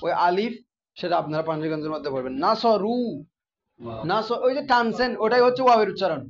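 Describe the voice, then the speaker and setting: During a classroom grammar lesson, a man often quizzes his students and repeats the key terms. His high voice races along, and the recording's highs are cut off.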